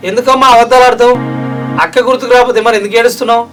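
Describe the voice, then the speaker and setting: A man's voice: extremely high pitch, fairly even intonation, rapid-fire, over music. A man playing a fond, teasing younger brother with a Telangana Telugu accent. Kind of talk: village family drama acting.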